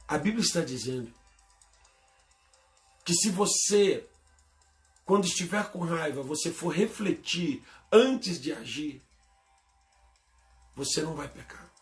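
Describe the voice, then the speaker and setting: A man preaching a sermon as pastor, with a Brazilian Portuguese accent, swinging between loud emphatic bursts and quiet low asides. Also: expressive, slow pace, pauses often, faint music behind.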